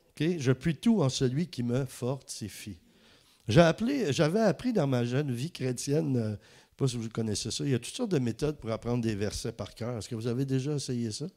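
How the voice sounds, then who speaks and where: A man with a Quebec French accent preaching a sermon, animated as he tells anecdotes and laughs at his own jokes. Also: medium pitch. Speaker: preacher and guest speaker.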